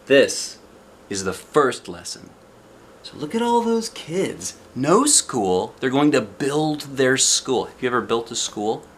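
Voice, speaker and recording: Reading slowly in a sing-song, medium-pitched voice, this man brings a children's picture book to life and pauses to chat with and quiz his young listener. The audio carries a slight hiss or hum.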